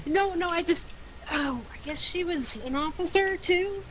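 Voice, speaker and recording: A woman's voice: very high-pitched, unhurried, crowd noise, rough recording. A woman chatting casually and speaking in character as a player in a tabletop role-playing game.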